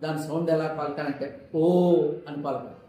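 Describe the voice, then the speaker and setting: A man's voice: a little high, little pitch movement, moderate pace, darkish tone, a little hiss or hum. A man teaching a phonics lesson in a classroom style, who asks questions and then answers them himself, drilling the words over and over. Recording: very echoey room.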